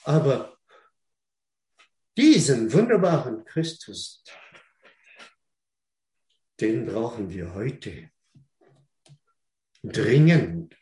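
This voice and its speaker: A man preaching a sermon in German, which is not his first language. He talks haltingly, repeats words and asks the listeners questions. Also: medium pitch, very animated, mellow, reverberant.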